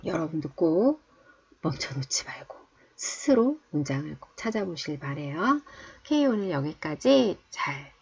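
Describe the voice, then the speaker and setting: A woman hosting a reading book club, explaining English idioms and repeating each phrase slowly and deliberately. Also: on the low side, big pitch swings, gravelly, a little mellow, husky. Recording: dull lo-fi recording.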